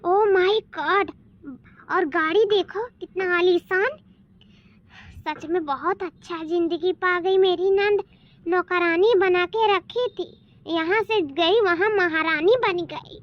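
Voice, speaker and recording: A woman's voice: extremely high pitch, fairly even intonation, slow. A woman playing a dramatic young village bride. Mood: complaining. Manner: dramatic, complaining. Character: discontented young village daughter-in-law, dramatic. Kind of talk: comedy sketch acting. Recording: dull lo-fi sound.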